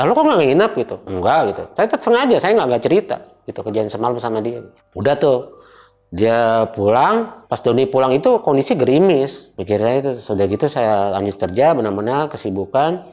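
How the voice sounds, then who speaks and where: A young man, casually telling a personal ghost story as a guest, in an animated, dramatic way full of fillers. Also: a little high.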